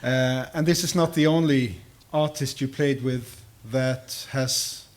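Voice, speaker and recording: A man's voice: medium pitch, fairly even intonation, takes it slowly. A man moderating a seminar panel, asking prompting questions.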